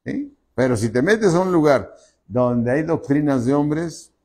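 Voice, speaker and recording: A pastor delivering a sermon in a husky, somewhat breathy voice. His tone is mellow and dark. He stretches out the phrases he stresses, rises to loud high peaks and drops to soft low asides. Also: lively intonation, measured pace.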